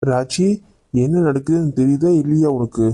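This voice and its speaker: A man's voice: medium pitch, moderate pace, mellow, no room sound, natural voice. A man doing a stern, hot-tempered elder brother. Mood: scolding. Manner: scolding, commanding. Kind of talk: cartoon family drama voice acting.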